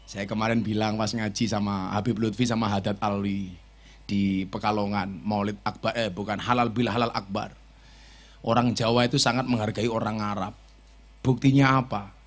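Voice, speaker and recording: A man's voice: fairly low pitch, flat delivery, moderate pace. A man with a Javanese accent preaching at a village gathering, joking and teasing the crowd. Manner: jokey, teasing the crowd, switching between Javanese and Indonesian. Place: outdoor village religious gathering.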